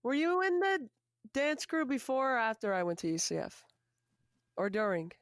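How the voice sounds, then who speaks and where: Animated young woman, dry close sound. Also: fairly high pitch, moderate pace, clean tone, no room sound. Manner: animated, opinionated, swears casually. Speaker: podcast co-host. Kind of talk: casual podcast chat.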